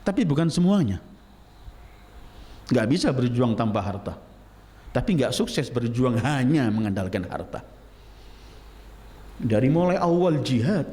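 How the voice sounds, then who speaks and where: A male Islamic preacher giving a Quranic exegesis sermon, swinging between high, emphatic exclamations and low, measured explanation, and reciting Arabic verses in a slow chant. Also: a little mellow. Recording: long hall reverb.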